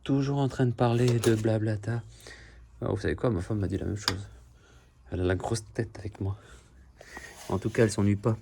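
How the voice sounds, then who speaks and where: A man speaks low and easy into a phone while working on his car. He jokes, swears at every turn, and talks without pause. Faint noise and tool clicks sit under the voice. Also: fairly even intonation, vocal fry. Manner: joking, swears a lot, talks nonstop. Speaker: DIY car repair vlogger. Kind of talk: casual chatty self-filmed video. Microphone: phone camera.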